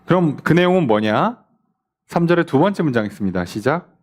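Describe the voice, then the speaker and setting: A man's voice: a little high, a little fast. A man, a pastor, leading a midweek Bible study in church, asking the class questions and acting out the scoffers' words. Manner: animated, asks the class questions and mimics scoffers.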